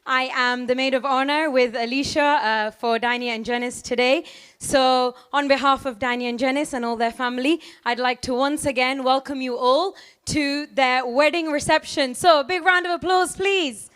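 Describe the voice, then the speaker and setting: A woman's voice: sits high, clear, resonant tone. A young woman hosting a wedding reception as maid of honor, slightly out of breath, mixing English with Malayalam. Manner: lively, quick announcements, switching between English and Malayalam. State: a little out of breath. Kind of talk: live event hosting over a microphone. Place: large reception hall with loud music.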